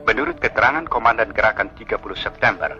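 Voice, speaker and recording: In the formal, solemn, measured manner of a 1960s radio newsreel announcer, an Indonesian man reads an official statement. His voice is fairly low with a sharp tone, and the muffled archival broadcast has music behind it.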